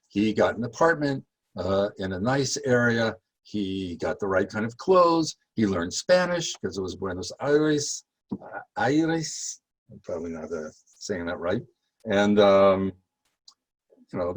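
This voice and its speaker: A man guiding a history tour, talking casually with many fillers and rising in pitch when he makes a point. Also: low-quality recording. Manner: chatty, halting with many fillers, rises when emphatic. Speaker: tour guide. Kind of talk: guided history talk.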